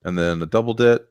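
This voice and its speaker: Low gravelly man, rambling explainer. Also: dry recording. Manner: rambling, filler-heavy, explanatory. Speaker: board game player explaining rules. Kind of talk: casual chat over a board game.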